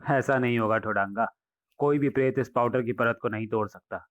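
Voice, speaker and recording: A man's voice: mid-range voice, fairly quick, no echo, lo-fi sound, natural voice. A man voicing a scheming male mad scientist villain who talks in a gloating way.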